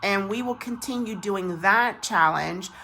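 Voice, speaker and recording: Congested with a chest cold, a woman stuffs her savings envelopes and talks casually to the camera in a rambling, self-deprecating manner. Her voice is mid-range, sharp, and a little slow, with a bit of hiss or hum in the recording.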